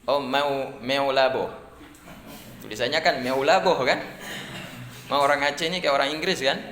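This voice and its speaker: Bright-voiced man teaching in an echoey classroom. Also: medium pitch, fairly even intonation, moderate pace. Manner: chatty, joking with students, repeats words. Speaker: Islamic studies teacher. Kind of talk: classroom lecture.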